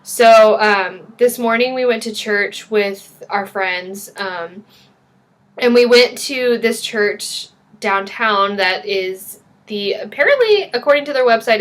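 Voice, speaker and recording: A woman's voice: medium pitch, takes it slowly. A young woman, vlogging in casual chat with an informal, loosely hedged way of talking. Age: young adult. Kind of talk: casual chat to camera with a co-host.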